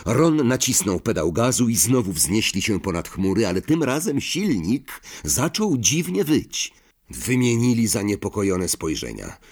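A male audiobook narrator with a fairly low, husky voice. He reads expressively, and his pitch rises and falls in a lively way throughout the narration. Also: unhurried. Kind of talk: audiobook reading.

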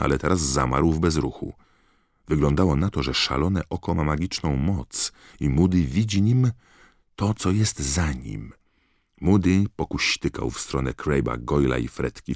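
Very deep gravelly male narrator. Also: dry recording, studio quality. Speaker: audiobook narrator. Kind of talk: scripted narration.

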